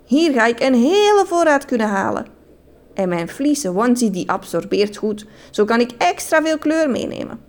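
A woman's voice: fairly high pitch, big pitch swings, normal speed, darkish tone, voice pushed up. A woman voicing a cheerful, easygoing lady thief, breezy and playful.

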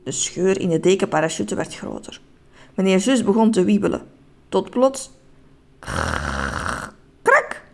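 A woman reading a children's story aloud in an expressive, animated way. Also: medium pitch, normal speed, vocal fry.

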